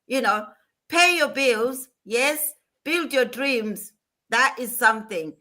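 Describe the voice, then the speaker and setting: A woman's voice: on the high side, slow pace, bright, forceful tone. A woman hosting a motivational livestream, talking in an earnest, emphatic way and repeating her points. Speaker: livestream host.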